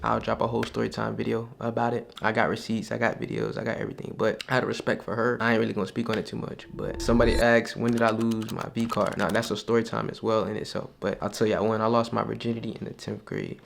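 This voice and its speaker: A man's voice: on the low side, flat delivery, quick pace, creaky, hardly any pauses. A man in his twenties, answering viewer questions in a laid-back, candid casual vlog. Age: 20s. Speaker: YouTuber answering fan questions.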